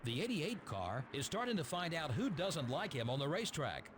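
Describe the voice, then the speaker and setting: A man voicing an upbeat male TV race co-announcer in a racing game, with lively scripted broadcast delivery. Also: fairly high pitch, normal speed, background noise.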